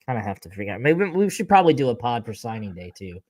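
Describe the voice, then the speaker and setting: A man's voice: mid-range voice, big pitch swings, fast, a little mellow, no echo. A man from Australia co-hosting a casual sports podcast, easygoing and agreeable, often answering briefly. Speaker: podcast co-host.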